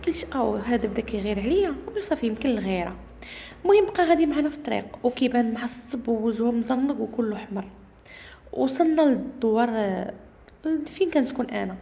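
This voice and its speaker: A woman with a Moroccan Arabic accent telling a first-person horror story in a brisk, suspenseful way. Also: on the high side, mellow.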